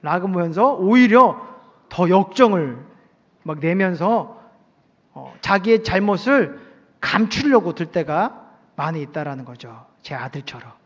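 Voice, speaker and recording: A male pastor preaching a sermon in an animated way to his congregation in a church. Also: sits high, measured pace, lo-fi sound. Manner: animated preaching, acting out short everyday quotes. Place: church sanctuary at a night service. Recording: long church hall reverb.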